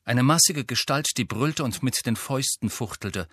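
A man reading a novel aloud with steady, even storytelling. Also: mid-range voice, moderate pace, slightly rough, no room sound. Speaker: audiobook narrator. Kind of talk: scripted narration.

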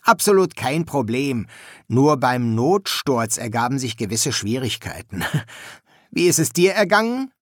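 A man's voice: medium pitch, big pitch swings, unhurried, no room sound, clean studio sound. A man voicing a cheerful young male assassin fresh from his final exam, breezy and chummy in manner.

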